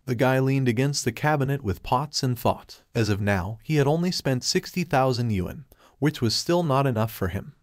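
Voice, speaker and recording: Male recap narrator with a middle-pitched voice and a steady, even read, recorded dry and close. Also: no room sound. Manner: steady even storytelling in past tense. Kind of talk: scripted narration.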